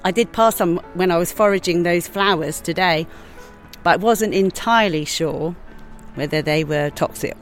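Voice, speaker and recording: A woman chef chatting casually outdoors as a podcast guest, lively and prone to laughing. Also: fairly low pitch, normal speed, soft background music. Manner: chatty, animated, with frequent laughs. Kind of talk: casual chat. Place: outdoors on church steps.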